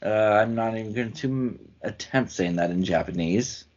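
A man with a fairly low voice hosts a relaxed chat, moving from one category to the next. His voice is wearing out, and the recording sounds dull and lo-fi. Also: moderate pace. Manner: casual, leads through award categories. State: losing his voice. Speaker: podcast host. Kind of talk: casual chat.

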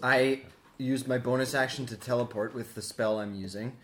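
Brief: woman tabletop player, very low voice, unhurried, faint background hiss. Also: steady tone. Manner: slow, working through numbers aloud. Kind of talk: tabletop game play.

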